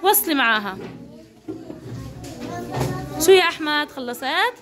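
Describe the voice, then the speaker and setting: A young woman with a Levantine Arabic accent, teaching a class of small children with steady coaxing and praise. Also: high voice, measured pace, faint music behind. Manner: encouraging, coaxing, lots of praise. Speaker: kindergarten teacher.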